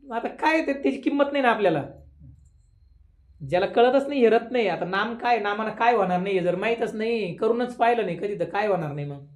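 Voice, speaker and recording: A man's voice: high voice, fairly quick. A man, giving a devotional sermon at a village memorial gathering, talking conversationally and rising into emphatic questions. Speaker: kirtan preacher.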